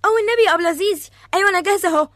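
A bold, cheeky young woman whose bright, very high Egyptian voice moves briskly. The sound is close and dry. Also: dry recording.

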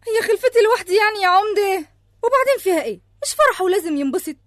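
An actress with an Egyptian accent playing the mayor's sharp-tongued wife, the mother of the groom, who answers with quick retorts. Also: extremely high pitch, expressive, no room sound, studio quality. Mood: bickering.

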